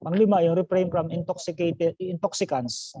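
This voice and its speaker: A man's voice: high voice, fairly even intonation, normal speed, warm tone, dry recording. A man, a pastor, teaching an online class. He mixes English phrases into his talk, calls his listeners brothers and sisters, and quizzes the class. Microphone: video call. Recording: dull lo-fi video call audio.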